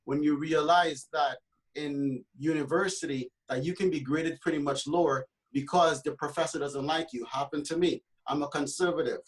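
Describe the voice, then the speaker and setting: A man's voice: a little high, steady tone, moderate pace, low-quality recording. Passionate man from Trinidad and Tobago. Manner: passionate, many fillers and restarts. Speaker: realtor guest on a panel. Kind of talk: earnest panel discussion.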